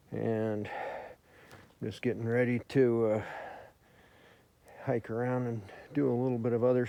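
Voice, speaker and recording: A man vlogging outdoors in snowy woods, speaking plainly with pauses and sounding out of breath. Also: medium pitch, dark tone, no echo. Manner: plain, unhurried talk with pauses. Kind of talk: casual outdoor vlog.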